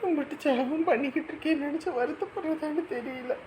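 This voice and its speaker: A woman's voice: sits high, quick pace, lightly acted. An anxious young mother, played by an actress,. She sounds worried and close to tears. Faint noise sits behind her. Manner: anxious, tearful. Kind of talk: village family drama acting.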